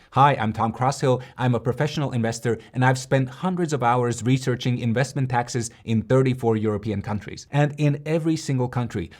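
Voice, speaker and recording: A man hosting an investing channel, giving a direct, brisk scripted explainer while walking through a website. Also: mid-range voice, a little mellow. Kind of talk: scripted explainer with screen walkthrough.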